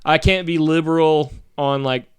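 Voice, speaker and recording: A man's voice: a little high, steady tone, moderate pace, clean tone, no echo. A man from Texas, co-hosting a casual podcast, swearing a lot and rambling with fillers. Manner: profane, rambling with many fillers. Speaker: podcast co-host. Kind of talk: casual crude banter.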